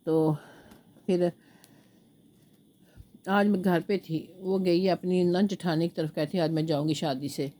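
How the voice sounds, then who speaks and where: A woman's voice: lowish voice, fairly even intonation, takes it slowly, pauses often, mellow. Chatty older grandmother with a sore throat. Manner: chatty, rambling storytelling, baby talk to the grandchild. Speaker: home vlogger and grandmother. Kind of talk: casual home vlog chat. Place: at home, indoors, sitting with a baby.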